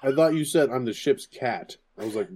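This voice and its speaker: A man's voice: medium pitch, fairly quick, darkish tone. A man playing a tabletop game, chatting casually in a jokey, profane way. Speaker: tabletop player. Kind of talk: joking casual table chat.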